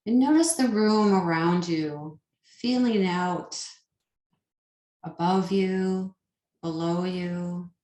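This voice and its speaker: In an echoing, roomy space, a woman teaching yoga nidra guides listeners through meditation with a mellow, slightly low voice. She talks very slowly and soothingly, leaving pauses between short phrases.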